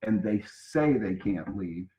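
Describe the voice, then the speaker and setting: A man's voice: lowish voice, expressive, slow pace, mellow, reverberant, poor audio. A man in his fifties, a guest co-host in casual chat, telling stories playfully and slipping into silly voices. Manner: playful storyteller who slips into silly voices.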